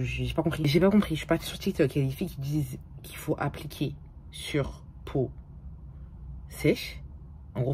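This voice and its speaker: A weary young vlogger with a low, dark voice chats casually to her camera in French, cursing often and mixing in English phrases. A faint hiss runs beneath the recording.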